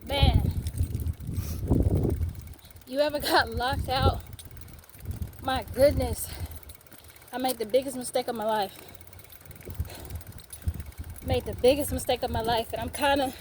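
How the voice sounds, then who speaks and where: A woman's voice: high-pitched, fairly even intonation, slow pace, long pauses, noisy background. A woman vlogging casually while riding a bike up hills outdoors, out of breath and laughing between playful exclamations. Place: outdoors on a bike on hilly roads.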